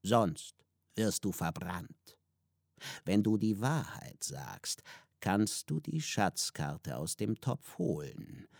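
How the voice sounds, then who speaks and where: A wise helper from a storybook gives instructions in a deep, hushed and deliberate voice, as a male reader puts him on. His delivery is quiet and unhurried. The recording is dry and close. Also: sing-song, creaky, dry recording, heavily acted. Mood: instructive. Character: old wise male helper setting trials.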